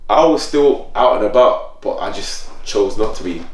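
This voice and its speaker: This man's voice sits on the low side, and he talks at a moderate pace while hosting a podcast. He spins animated stories in slang-heavy casual talk, his pitch leaping when he gets excited. The mic is far away, giving a roomy, off-mic sound.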